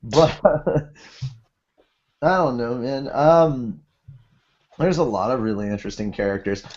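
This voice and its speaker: A man with a mid-range, darkish voice co-hosts a podcast, bantering casually about anime at a measured pace. He rambles and repeats phrases for emphasis, and the audio is dull and lo-fi.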